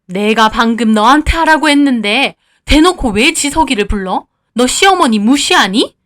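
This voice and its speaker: A woman voicing an angry, scolding older mother-in-law, shrill and contemptuous. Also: animated, moderate pace, a bit bright.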